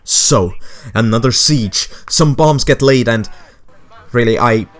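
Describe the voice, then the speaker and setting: A man's voice: medium pitch, takes it slowly. A young adult man narrating a video game essay with sarcastic, wry asides. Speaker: game commentator.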